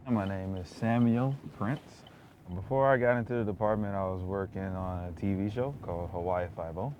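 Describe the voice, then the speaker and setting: A man's voice: low-pitched, normal speed, a little mellow. A man, a police officer, talking about his work in interview answers. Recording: slightly dull sound, faint noise.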